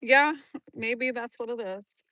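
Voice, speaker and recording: Lady walking around a cemetery on a phone livestream, kinda high voice, dry close sound, chatting back to comments. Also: slow, sharp tone, no room sound. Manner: chatty, answers live comments as she walks. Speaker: genealogy vlogger. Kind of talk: casual live-stream chat. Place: outdoor cemetery.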